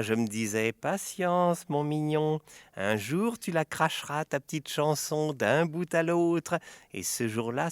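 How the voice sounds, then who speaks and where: A man voicing a spiteful old female witch with a shrill, sour, nasty voice, reading a storybook tale. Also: fairly bright tone, clean tone, no echo, studio quality, lightly acted. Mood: gloating. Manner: sneering, taunting.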